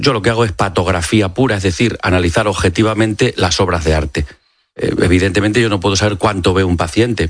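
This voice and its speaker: A man from Extremadura speaks with a low voice as a guest on a radio interview, explaining medical details with frequent fillers and restarts. He is an eye doctor, and the studio recording is dry and close. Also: dry recording. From Extremadura, Spain. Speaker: ophthalmologist guest. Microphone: studio microphone.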